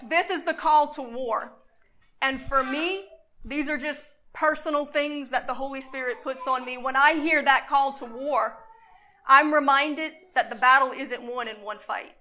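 A woman preacher delivering a sermon with fervent, emphatic delivery, her phrases swelling loud. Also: sits high, measured pace, background noise.

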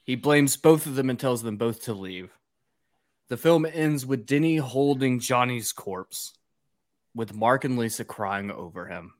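A man's voice: medium pitch, animated, unhurried. Man gleefully recapping a movie plot. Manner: crude, gleeful plot narration. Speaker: podcast co-host. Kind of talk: casual comedic movie recap.

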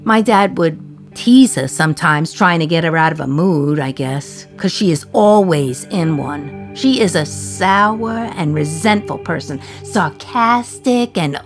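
In a radio play monologue, an actress with a lowish voice plays a jailed woman in her thirties from 1950s New York. Sardonic and resentful, the character confides her memories.

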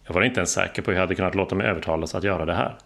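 A man's voice: low-pitched, vocal fry, fairly bright tone. A man narrating an audiobook with a dry, wry delivery.

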